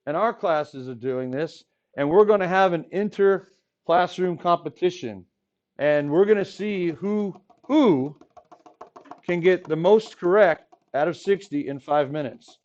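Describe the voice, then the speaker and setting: Teaching high school math to a live class, a Rio Grande Valley man in his forties keeps joking with his students. His voice is high for a man, a little hoarse and darkish in tone, captured in a dull, lo-fi classroom recording.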